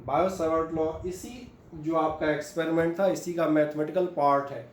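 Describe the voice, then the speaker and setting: A man with a fairly high voice, speaking at normal speed, delivers a physics lecture that switches between Hindi and English. He proceeds step by step, asking questions aloud and then answering them. A faint hum and room echo are audible.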